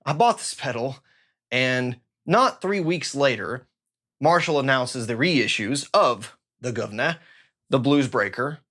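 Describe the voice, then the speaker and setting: A man's voice: mid-range voice, bright, forceful tone. A man hosting a casual technical talk about guitar effects circuits, chatty and enthusiastic with self-deprecating asides. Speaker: guitar pedal reviewer.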